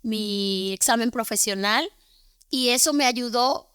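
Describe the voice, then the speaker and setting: A woman's voice: fairly high pitch, takes it slowly, a bit bright, clean tone, no echo, clean studio sound. A young adult woman, a teacher, telling stories earnestly and often tagging her points with a questioning "¿no?". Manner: earnest, repeats words, tags with "¿no?". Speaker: guest, teacher. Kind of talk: conversational storytelling.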